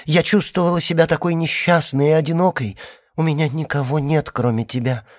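A man's voice: mid-range voice, measured pace, slightly rough. A man playing a sobbing young wife. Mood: tearful pleading. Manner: sobbing, pleading, breathless outbursts. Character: young woman, tearful, desperate abandoned wife.

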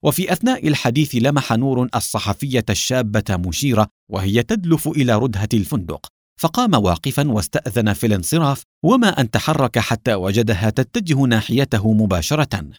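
Expressive male audiobook narrator. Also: mid-range voice, a little fast, no echo, studio quality. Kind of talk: scripted narration.

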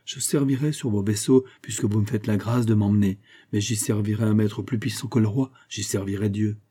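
A man's voice: on the low side, fairly even intonation, brisk, warm tone, husky. A man reading aloud, voicing an earnest young nobleman who speaks firmly and respectfully, keeping tight control. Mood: resolute.

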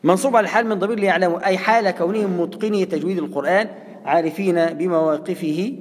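Fast-talking Egyptian teacher, high voice, echoing hall. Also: male voice. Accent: Egyptian Arabic. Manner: asks the listeners rhetorical questions. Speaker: Quran recitation teacher. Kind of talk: explanatory religious lesson. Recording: long hall reverb.

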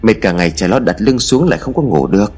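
A man's voice: on the low side, animated, quick pace, darkish tone, slightly rough, faint music behind. A man voicing a worried, nagging old village wife in an audio story, scolding and fretful in tone.

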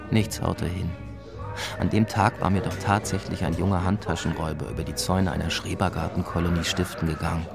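A male actor with a deep, gravelly voice plays a disillusioned police officer narrating an audio drama in scripted first person. Laconic and colloquial, he tells the story as a wryly admiring storyteller, with music playing behind him.

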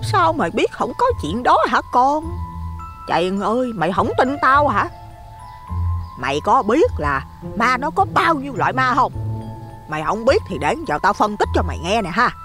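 A man's voice: very high voice, very animated, normal speed, sharp tone, soft background music, voice pushed up, full character voice. Man voicing a gossipy old village woman. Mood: lecturing. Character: gossipy plump village woman in her sixties, loud, nosy.

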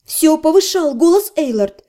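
A woman reads a first-person fantasy audiobook with expressive, animated delivery. Her voice is high, its pitch swings widely, and its tone is dark and mellow. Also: measured pace. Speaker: audiobook narrator.

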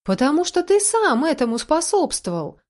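A woman's voice: a little high, animated, moderate pace, a little mellow, lightly acted. A woman reading as a hurt, furious young woman. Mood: shouting. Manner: raised, tearful outbursts. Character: angry hurt young woman, sharp-tongued.

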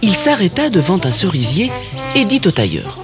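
A man narrating a children's fairy tale in an expressive, animated way. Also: high voice, normal speed. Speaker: storyteller. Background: music.

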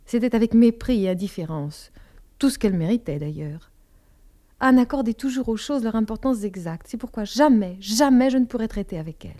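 A woman reads a novel aloud in a measured, intimate way, her voice mellow and dark in tone. Now and then she sinks into a hushed whisper. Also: medium pitch. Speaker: audiobook narrator. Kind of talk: scripted narration.

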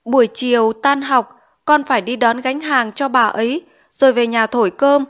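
A woman's voice: fairly high pitch, steady tone, moderate pace, fairly bright tone, voice pushed up, natural voice. A woman voicing a poor, timid schoolboy in an audiobook, answering meekly and politely. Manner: meek, polite address. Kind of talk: audiobook character reading.

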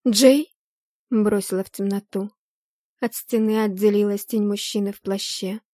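A woman narrating a fantasy audiobook in the first person, with expressive, steady storytelling. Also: medium pitch, moderate pace, no echo, studio quality.

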